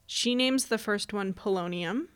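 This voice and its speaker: Woman co-host, casual storyteller, chatty and quick to laugh. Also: mid-range voice, fairly bright tone, clean tone. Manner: chatty storyteller, laughs often, acts out quotes. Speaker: podcast co-host telling the story. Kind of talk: casual history podcast chat.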